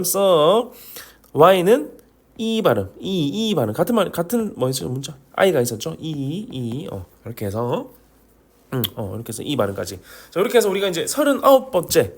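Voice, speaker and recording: In a somewhat high, husky voice, a man with a Korean regional dialect leads an online class on how to pronounce Vietnamese. He's lively, repeats every sound as a drill, and mixes in jokes and apologies.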